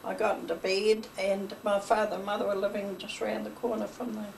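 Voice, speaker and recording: Talking a little fast in a flat, mid-range voice with vocal fry, an older woman shares family stories as an oral history interviewee. She wanders chattily, reenacts old dialogue and laughs. There is faint hiss from a distant microphone.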